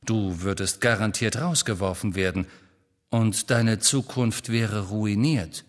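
A man reading an audiobook, voicing a rebellious grown wizard who speaks in a low, earnest, conspiratorial manner. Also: takes it slowly, long reverb tail.

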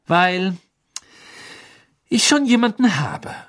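A woman's voice: very animated, takes it slowly. A reader voicing Hermine, a clever, bossy teenage girl who talks sharply. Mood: indignant. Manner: sharp, indignant, pitched high.

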